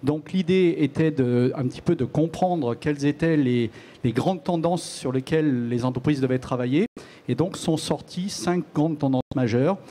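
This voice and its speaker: A man's voice: a little high, normal speed, mellow. A man speaking as a guest on a panel debate, answering in a hesitant way with frequent restarts. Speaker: association president, panel guest.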